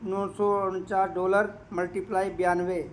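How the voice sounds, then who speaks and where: A man walking viewers through a screen of earnings and doing the sums aloud, repeating the figures and pausing often to hesitate. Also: high-pitched, flat delivery, a little hiss or hum. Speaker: crypto income promoter. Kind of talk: screen-share walkthrough with running calculations.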